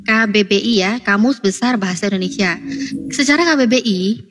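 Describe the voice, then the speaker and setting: A woman's voice: mid-range voice, brisk, fairly bright tone, soft background music. A woman in a heated online debate, talking in an insistent, lecturing way and sounding exasperated, on a video call.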